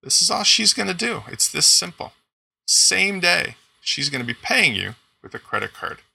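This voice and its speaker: Man, 40s, enthusiastic software-tutorial presenter, slightly high voice with some fry. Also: sing-song, moderate pace. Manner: upbeat, enthusiastic walkthrough. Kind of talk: screen-recorded software tutorial.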